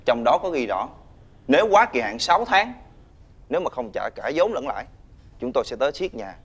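An actor playing a menacing male debt-collecting thug, talking loudly and scornfully. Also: mid-range voice, very animated, a little fast, husky. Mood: threatening. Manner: loud, scornful, ordering others around. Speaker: debt collector's henchman leader. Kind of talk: TV fairy-tale drama acting.

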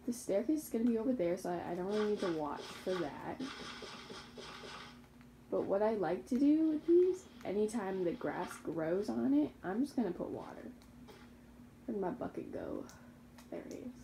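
Against background noise, a young gaming YouTuber talks in an animated, gravelly, mid-range voice at normal speed, pausing often. She chats and rambles through her Minecraft survival game commentary, catching her slips and laughing at herself.

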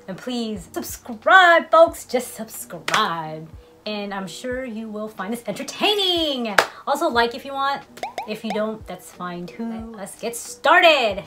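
A woman in her thirties chatting casually to camera as she presents an unboxing vlog. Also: a little high. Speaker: unboxing vlogger. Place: small room indoors. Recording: music and crinkling packaging behind voice. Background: music, crinkling packaging.

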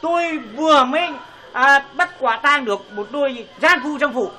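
High bright man rambling in a sketch. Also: moderate pace, a little hiss or hum. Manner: rambling, hesitant, gossipy. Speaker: comedy sketch actor. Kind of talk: slapstick sketch acting.

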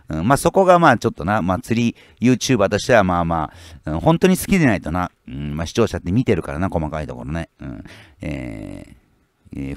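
A fishing YouTuber with a low voice rants casually while reading out viewer comments, bluntly scolding his commenters and rambling with lots of fillers. The sound is clean studio audio with no room sound.

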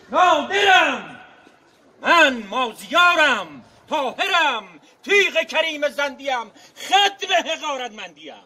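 High, forceful man declaiming epic verse. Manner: declamatory, dramatic, proud, with forceful swells and drawn-out words. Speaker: storytelling performer reciting epic verse. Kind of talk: theatrical Persian naqqali epic recitation in rhymed verse.

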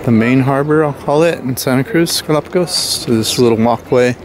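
Amid crowd noise on a green hillside, a middle-aged man speaks at a medium pitch and a fairly quick clip. He's a travel vlogger leading a casual, rambling island tour, relaxed and chatty like a tour guide.

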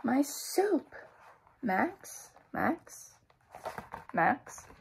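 Storybook fussy duck chef, theatrical and high, gravelly edge, read by a woman. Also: very animated, extremely slow, a little hiss or hum, heavily acted. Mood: dismayed. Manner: theatrical, with mock Italian flourishes.

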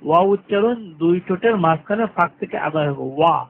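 A man teaching Quran recitation rules, repeating each rule and drawing out the verses very slowly. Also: high voice. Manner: repeats rules and verses, stretching vowels very long. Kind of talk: tajweed lesson with slow drawn-out recitation. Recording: tinny lo-fi phone-like recording, faint hiss.

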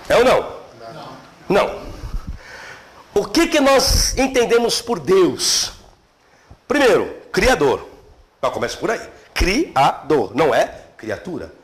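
A middle-aged man teaching theology in a seminary classroom, lively and questioning his students. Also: sits high. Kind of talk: classroom lecture.

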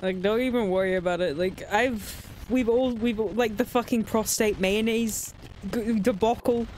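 A woman's voice: fairly high pitch, moderate pace, a little mellow, slight background noise. A woman streaming a game live, giggling and teasing her chat in casual banter.

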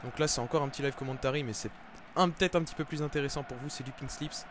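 A young man giving live commentary over his football video game, with excitable, frustrated outbursts about his bad luck. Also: mid-range voice, fast talker, background noise. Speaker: gaming YouTuber. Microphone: desk microphone.

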